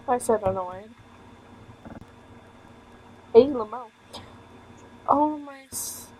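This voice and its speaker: Here a streamer with a fairly high, slightly mellow voice casually reads story text from a visual novel, stumbling now and then and adding offhand, cheeky comments laced with swearing. Audio is poor, carrying some faint hiss or hum.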